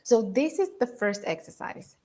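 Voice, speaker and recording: A woman's voice: fairly high pitch, sing-song, normal speed, darkish tone. A woman giving an instructional lesson as a voice and public-speaking coach, explaining with emphasis on key words.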